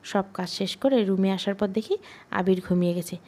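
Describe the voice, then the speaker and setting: Mellow woman narrating a love story. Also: mid-range voice, moderate pace. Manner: intimate first-person narration.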